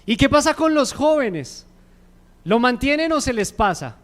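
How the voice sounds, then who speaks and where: A man's voice: extremely high pitch, big pitch swings, measured pace, a bit bright. A man preaching a class for parents at a church service, often asking the congregation questions. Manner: asks the audience frequent questions. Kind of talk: church teaching talk.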